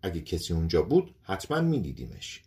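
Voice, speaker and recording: A man voicing a calm husband who reassures his wife, in an audiobook story. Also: low voice. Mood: reassuring.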